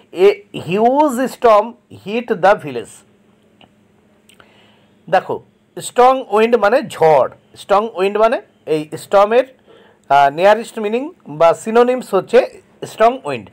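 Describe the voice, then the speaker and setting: A man teaching a textbook lesson, breaking words into syllables, repeating them, and reading English example sentences slowly. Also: sits high, expressive.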